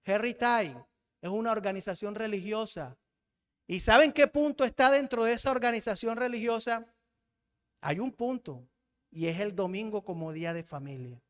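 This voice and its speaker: In a church with big-room sound, a Colombian man with a high voice preaches a sermon at normal speed. He asks the congregation questions and has them call back the answers.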